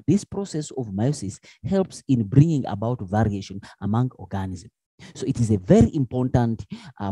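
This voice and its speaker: A man's voice: mid-range voice, husky, no room sound. A man teaching a lesson, asking questions and answering them himself, with many restarts. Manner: lively, with many restarts and fillers. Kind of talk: explanatory lesson.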